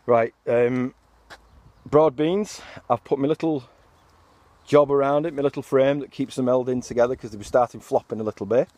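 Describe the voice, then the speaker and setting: A man's voice: mid-range voice, steady tone, moderate pace, a little mellow, no room sound. Man, middle-aged, casual allotment vlog, chatty and rambling, a bit out of breath, recorded outdoors on a phone. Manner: chatty, rambling, mild swearing. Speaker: allotment vlogger. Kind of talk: casual garden tour vlog.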